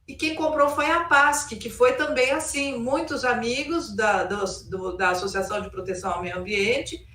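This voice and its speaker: A woman's voice: on the high side, moderate pace, few pauses, a bit bright. A middle-aged woman, telling stories informally as an interview guest in a rambling way, often quoting casual remarks. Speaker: interview guest, cultural producer. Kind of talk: informal spoken recollection. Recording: roomy echo, distant microphone.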